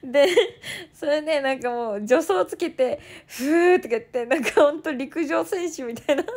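A young woman in her twenties, chatting as she tells a story. Her voice sits high and jumps around a lot. She acts out what others said in quick bursts and laughs often. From Toyama, Japan. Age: 20s. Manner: fast bursts of quoted speech. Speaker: idol turned streamer. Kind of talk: casual storytelling chat.

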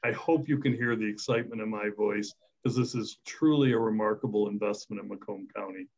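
A man's voice: fairly low pitch, steady tone, fairly quick. A middle-aged man, a health system executive, giving upbeat, emphatic prepared remarks at a media briefing over a video call from an office. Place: office, indoors. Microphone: video call webcam. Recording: dull lo-fi video call audio.

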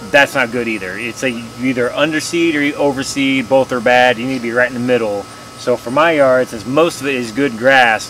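A man's voice: medium pitch, a bit bright, slight background noise. Young male yard vlogger, folksy rambling how-to delivery, recorded outdoors on a distant camera mic with faint crickets behind. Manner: rambling, folksy, repeats himself with restarts. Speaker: home lawn care vlogger. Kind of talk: casual how-to talk. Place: backyard lawn outdoors. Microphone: camera mic on a tripod some distance away.

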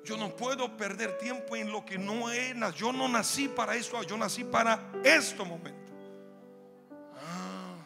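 A high-pitched man with a gravelly, fry-laden voice preaches. His impassioned sermon runs in repeated rhythmic phrases and swells into shouts. The sound carries a long hall reverb, with music playing clearly underneath. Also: a little slow. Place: church hall.

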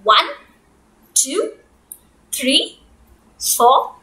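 A young woman presenting like a kids show host, coaxing small children in an animated, repetitive, sing-song way. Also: high voice, extremely slow. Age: young adult. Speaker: preschool storytelling teacher, kids show host. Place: small room indoors. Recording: echoey room.

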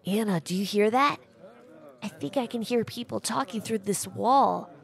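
A woman's voice: mid-range voice, normal speed, gravelly, lightly acted. A woman voicing a curious young boy explorer in a children's audio drama, eager and full of wonder. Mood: excited.

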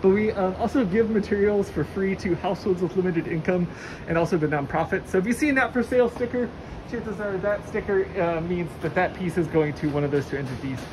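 Speaking briskly in a lowish voice, a woman leads a casual warehouse walking tour, enthusiastic and heavy on fillers. She records it walking with a handheld phone camera, and the large warehouse is noisy around her.

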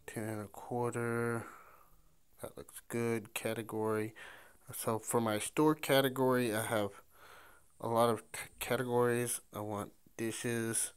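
Slow, smooth-voiced man thinking aloud. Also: mid-range voice, little pitch movement. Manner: talks to himself while typing, thinking aloud. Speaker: reseller. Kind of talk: screen-recorded listing walkthrough.

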